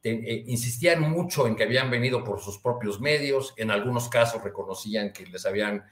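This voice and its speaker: A columnist guest with a Mexican Spanish accent chats casually, speaking haltingly with lots of restarts and fillers. His medium-pitched voice sounds reverberant.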